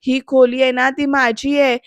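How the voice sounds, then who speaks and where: Woman doing a bullying angry dad, loud drawn-out threats, high pitch, dull lo-fi sound. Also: flat delivery, no room sound, lightly acted. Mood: furious. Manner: shouting, menacing, slow and drawn-out threats. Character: harsh, bullying middle-aged father shouting threats. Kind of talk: acted quotes in a TV episode recap.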